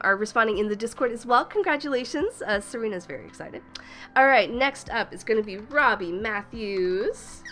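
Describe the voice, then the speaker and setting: A woman hosts a casual livestream, chatty and upbeat, greeting viewers by name and laughing often, though a cold leaves her slightly stuffy. Her mid-range voice is bright and forceful.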